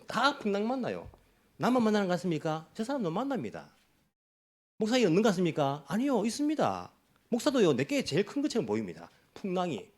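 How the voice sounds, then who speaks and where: Male pastor, sermon, high voice, animated delivery, rhetorical questions. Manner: emphatic, rhetorical questions to the congregation, acts out prayers and quotes.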